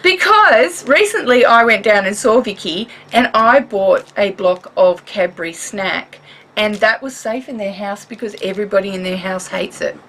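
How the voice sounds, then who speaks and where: A woman with an Australian accent chatting in a home craft vlog, animated and rambling, laughing often as she shows things. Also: medium pitch, normal speed, poor audio. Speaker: craft vlogger. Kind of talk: chatty show-and-tell vlog.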